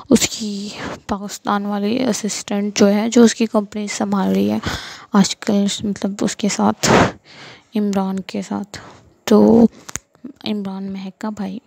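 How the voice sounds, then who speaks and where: A woman's voice: medium pitch, creaky, dark tone, no echo, rough recording. A young woman casually narrating a story and acting out its dialogue, with many fillers. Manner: chatty, many fillers like "matlab".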